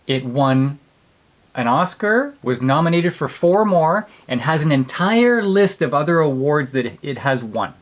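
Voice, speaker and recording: A man's voice: on the high side, big pitch swings, measured pace. A man co-hosting a casual, conversational movie review. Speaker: co-host of a movie review channel.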